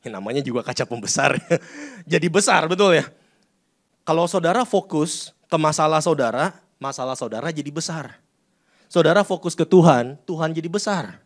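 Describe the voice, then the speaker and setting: A man preaching in church. He talks to the congregation in a relaxed, conversational way and keeps turning to address them directly. His voice sits a little high for a man. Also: normal speed. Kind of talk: sermon.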